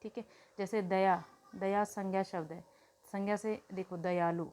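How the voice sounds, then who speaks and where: A woman teacher explains grammar to her students in an even, mid-pitched voice. She poses questions and answers them herself, repeating each key word slowly. Now and then she turns to the children and tells them to note a point down. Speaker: Hindi teacher.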